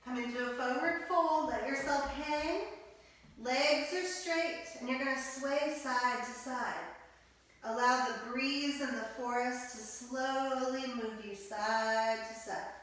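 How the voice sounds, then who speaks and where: A woman leading a children's yoga class in a library room, giving slow, gentle step-by-step cues, heard from a distance in a roomy space. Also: sits high. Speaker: yoga instructor. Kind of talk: guided kids' yoga class.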